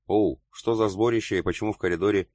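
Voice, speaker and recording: A man voicing a lively young woman who talks in a breezy, teasing way, read as part of an audiobook. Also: lowish voice, quick pace, no room sound, clean studio sound, natural voice. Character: lively young blonde woman, brisk and pert. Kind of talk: audiobook character reading.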